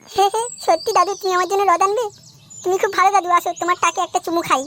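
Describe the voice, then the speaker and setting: Brief: a woman playing a foul-mouthed cartoon boy, high and whiny, rattling off every line at top speed. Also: fairly even intonation, heavy background noise. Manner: whiny, rapid, crude. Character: cheeky foul-mouthed young boy pestering for money. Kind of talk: comic cartoon voice acting.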